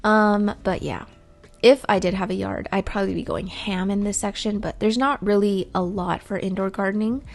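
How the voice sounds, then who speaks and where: A woman chats her way through a vlog voice-over, rambling from one thing to the next with plenty of ums. Her voice is rough from the morning and has a gravelly edge. She sounds relaxed and unscripted. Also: medium pitch, moderate pace. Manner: chatty and rambling, with frequent ums. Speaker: vlogger.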